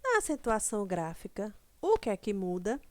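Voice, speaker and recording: A woman teaching a Portuguese grammar lesson, speaking slowly and checking in often with her students. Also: medium pitch, huge pitch swings, a little mellow, no echo. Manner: slow didactic, stretches example words, frequent "certo?" checks.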